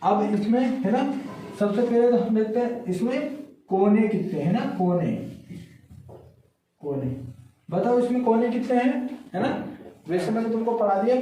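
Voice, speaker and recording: A man with a high, mellow voice teaches a class, counting aloud and constantly checking that his students are following. He sounds far from the mic, and the room around him is very echoey. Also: a little hiss or hum. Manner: repetitive, keeps asking "है ना?" and counting aloud. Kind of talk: classroom lesson with call-and-response.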